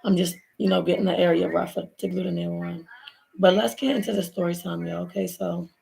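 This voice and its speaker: A woman vlogger from Baltimore, her voice nearly gone, chats and rambles through a story time while painting her nails, calling viewers y'all. Her lowish, warm, creaky voice is fairly even and a little fast, recorded in low quality on her laptop's built-in mic at home.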